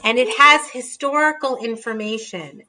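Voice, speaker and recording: A woman's voice: a little high, normal speed, pushed and bright. A woman in her thirties hosting a casual video call from her dining room, explaining and showing books as she talks. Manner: friendly, holds up books while explaining. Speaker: host presenting holiday table ideas. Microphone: video call on laptop camera.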